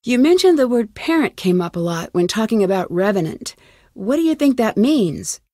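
Intent and urgent, a determined young amateur detective, the protagonist of an adventure game, is brought to life by an actress in conversational dialogue. The voice sits at medium pitch with wide swings, normal speed and a dark tone, recorded dry at studio quality.

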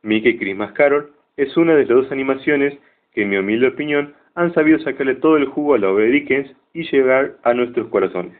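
Brief: male cartoon reviewer, chatty and joking, average pitch, thin phone-like audio. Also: brisk. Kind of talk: casual retelling of a cartoon. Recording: tinny phone-like sound.

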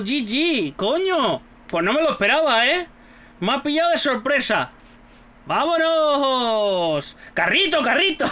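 A young man with a Spanish accent from Spain, commenting casually and excitably on his own gameplay as a gaming YouTuber. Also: very high-pitched. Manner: excitable, exclaims and jokes loudly at the game.

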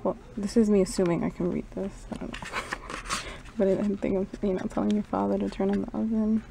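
Speaking a little fast, a young woman with a creaky, mellow, medium-pitched voice keeps a level tone, with slight background noise. As a travel vlogger shopping in indoor stores and a mall, she narrates casually, chatting and thinking aloud while hedging with "I don't know," and holds her handheld camera at arm's length.

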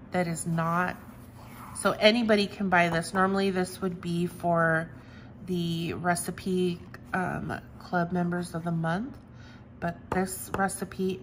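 Woman crafter, slow unhurried delivery, effusive show-and-tell, faint room noise. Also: lowish voice, low-quality recording. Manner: gushing, enthusiastic, repeats "I love" and "so cute". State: has the hiccups. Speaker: crafting vlogger. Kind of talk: casual show-and-tell of stamps.

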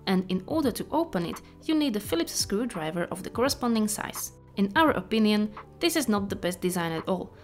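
A woman narrating a product review in a scripted, explanatory style. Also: mid-range voice.

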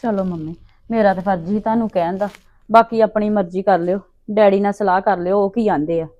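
Punjabi-accented woman, daughter-in-law role, pleading and appeasing, mellow tone, dull dry recording. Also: medium pitch, fairly even intonation, a little fast, no room sound. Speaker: daughter-in-law in a family drama. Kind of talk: scripted family drama acting.

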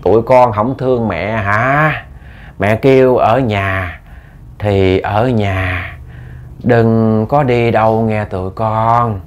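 A man voicing a sinister demon inside a dead old mother, speaking low and slow. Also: steady tone. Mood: coaxing. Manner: slow, low, coaxing drawl.

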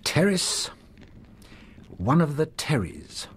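An actor playing an earnest, compassionate English doctor, a detective's plain-spoken companion in a Victorian radio drama. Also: male voice, fairly high pitch, sing-song, slow pace, slight background noise. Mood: sombre.

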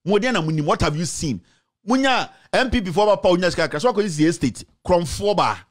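A man's voice: high voice, expressive, a little fast. A man in his thirties with a Ghanaian accent, ranting angrily on a political talk show, switching between English and Twi. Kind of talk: heated political commentary. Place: small studio with screen backdrop. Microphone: studio mic on stand.

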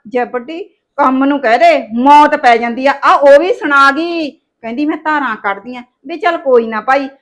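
A woman's voice: high-pitched, fairly bright tone. A woman, playing a scheming daughter-in-law who scolds and wheedles in a village family drama. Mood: grumbling. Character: sharp-tongued scheming young daughter-in-law.

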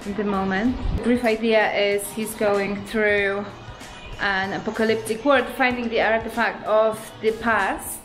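Slow-speaking playful woman on a film set. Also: medium pitch, fairly even intonation, faint music behind. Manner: playful, joking. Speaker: crew member. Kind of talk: casual chat. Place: abandoned building with graffiti, indoors.

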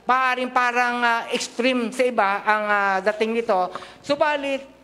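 A man's voice: very high voice, fairly even intonation, unhurried, pushed and bright. A middle-aged man from the Philippines preaching a sermon into a handheld mic in a large church hall, mixing Tagalog and English and joking with the congregation. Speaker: pastor.

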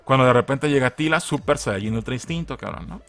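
A man's voice: mid-range voice, fast talker, a bit bright. A man with a Mexican Spanish accent giving a casual spoken video review, joking, swearing and laughing often.

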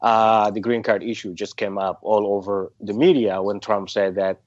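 A man's voice: on the low side, fairly even intonation, moderate pace, dry recording. Somali man, hesitant, on a muffled line. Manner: hesitant, many restarts and fillers. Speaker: interviewee. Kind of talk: phone interview.

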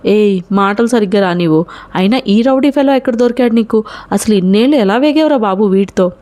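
A woman voicing a sharp-tongued young college woman who is sarcastic and quick-tempered. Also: medium pitch, natural voice.

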